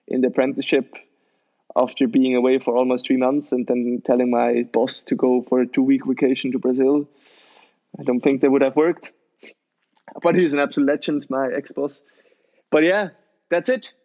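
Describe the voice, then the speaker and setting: A man's voice: mid-range voice, dark tone, dull audio. A young man in his twenties, a BMX rider guest, chatting loosely about himself with slightly phrasing. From Switzerland. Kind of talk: casual interview.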